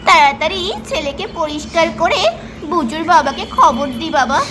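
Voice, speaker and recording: High-voiced woman telling a doll story. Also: normal speed, a loud crowd. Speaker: narrator and doll-play voice actor. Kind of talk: storytelling narration to children.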